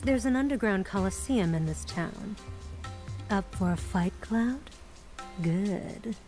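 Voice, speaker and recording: An actress playing a poised, sly businesswoman in a video game, commanding and teasing, with deliberate phrasing. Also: mid-range voice, animated, dark tone, soft background music. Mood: sly, assured. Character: poised, sly businesswoman running a massage parlour. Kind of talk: video game drama acting.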